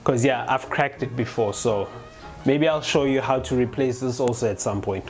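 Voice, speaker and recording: This is a gear tutorial from a chatty motovlogger of unclear sex who addresses viewers directly in an easygoing how-to manner. The voice sits in the mid range at normal speed, and music plays underneath.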